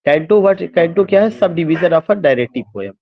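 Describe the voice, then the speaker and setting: A man's voice: on the high side, expressive, slow, crowd noise. A man teaching poetic forms in mixed English and Hindi, posing questions and answering them himself, with frequent hesitations. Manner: explains by asking and answering his own questions. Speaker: literature teacher. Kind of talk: lecture mixing English and Hindi. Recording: dull, dry lo-fi sound.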